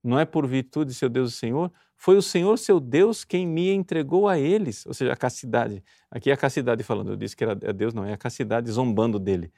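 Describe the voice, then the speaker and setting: A man with a Brazilian Portuguese accent preaching fervently, pressing his listeners with rhetorical questions and reading quoted passages slowly and solemnly. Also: medium pitch, gravelly, mellow, dry recording, clean studio sound. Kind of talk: sermon explaining a spiritual classic.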